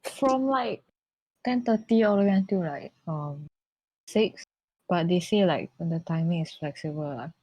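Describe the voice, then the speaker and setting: A woman's voice: fairly low pitch, measured pace, mellow, no echo, low-quality recording. A young woman, playing a tabletop game and chatting casually. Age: young adult. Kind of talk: casual chat.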